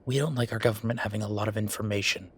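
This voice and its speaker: Playing an exasperated werewolf official who vents to his partner, the man speaks in a weary, sarcastic, conversational way, leaning on emphatic pauses. His pitch sits on the low side with a steady tone, a touch of brightness and a breathy edge. The mood is explanatory and annoyed.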